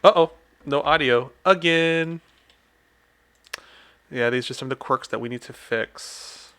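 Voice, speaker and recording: Bright-voiced man on a live stream. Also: medium pitch, moderate pace. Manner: relaxed, chatty, talks over his partner. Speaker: tarot reader co-host. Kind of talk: casual live stream chat.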